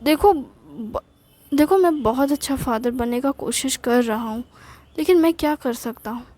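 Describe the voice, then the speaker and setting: A woman's voice: sits high, animated, a little slow, mellow. A woman voicing an older husband who is teasing, sheepish and doting, talking with hesitant stops and fillers in an acted story. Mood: defensive.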